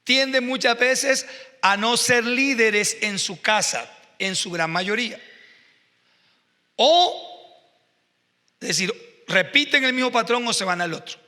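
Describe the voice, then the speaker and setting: A man's voice: extremely high pitch, takes it slowly, long pauses, pushed and bright, long reverb tail. A male pastor preaching a sermon, telling stories with growing emotion and fervor. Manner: emotional, storytelling with rising fervor. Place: church hall.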